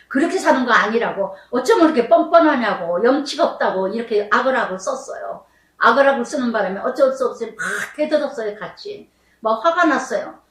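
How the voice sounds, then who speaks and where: A high-voiced woman pastor delivers a sermon, her pitch rising and falling widely as she pleads through her testimony. She stands some way from the mic, and the room around her is echoey. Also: distant mic. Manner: emotional, pleading testimony with swings in pitch and loudness.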